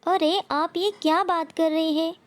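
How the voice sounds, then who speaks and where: A woman's voice: extremely high pitch, fairly even intonation, measured pace. Woman reading a polite little sparrow.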